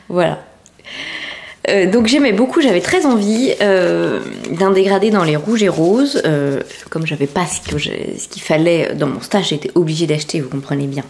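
Lower-voiced woman chatting with many fillers. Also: a little mellow. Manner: chatty, many hesitations and fillers, showing items to camera. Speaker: podcast host. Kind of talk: casual knitting and sewing podcast chat.

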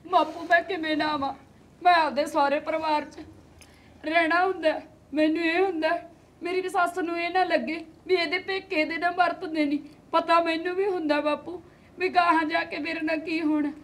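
A woman's voice: very high-pitched, level tone, normal speed, a bit bright. Woman playing a tearful young daughter. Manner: tearful, pleading. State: crying. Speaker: daughter visiting her father.

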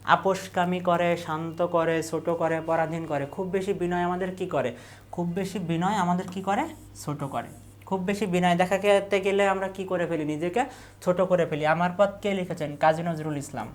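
A woman teacher with a Bangladeshi Bengali accent leads an exam revision lesson in a steady, lowish voice. She asks questions and repeats the answers slowly.

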